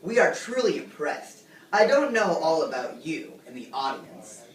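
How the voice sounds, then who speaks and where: A woman's voice: low voice, sing-song, measured pace. A teenage girl playing a showy talk-show host who gushes and fawns over her guests. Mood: gushing. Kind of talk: amateur talk-show skit. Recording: echoey room, distant mic, faint noise.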